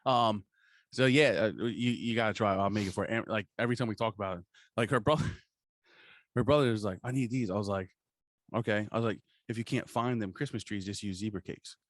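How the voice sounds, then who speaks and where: With a voice on the low side and a fairly quick pace, this New Jersey man co-hosts a podcast, rambling comedically with lots of slang and swearing in casual chat. The recording has no room sound.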